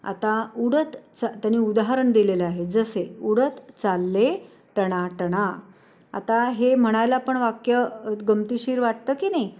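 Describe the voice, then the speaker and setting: A woman teacher, patiently explaining a lesson to children and repeating instructions slowly. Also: fairly high pitch, dark tone. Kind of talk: online class lesson for children.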